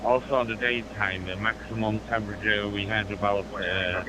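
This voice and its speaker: A man's voice: lowish voice, fairly even intonation, moderate pace. A man from northwest Germany with a German accent making amateur radio contact, hesitantly phrasing and spelling out call signs over a two-way radio. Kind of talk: ham radio contact chat. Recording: noisy digital handheld radio transmission.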